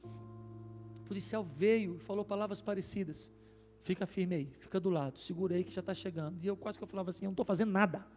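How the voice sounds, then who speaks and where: With a high, brisk voice, a pastor from Brazil delivers a sermon testimony, recounting a story with feeling that swells at its climaxes. It was recorded in an echoing church hall with soft music underneath.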